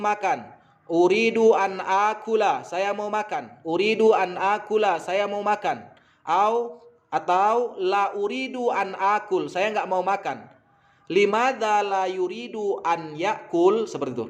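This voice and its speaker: A man with an Indonesian accent teaching vocabulary, saying each word and its meaning and repeating them slowly. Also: high-pitched. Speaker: Arabic teacher. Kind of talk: vocabulary lesson.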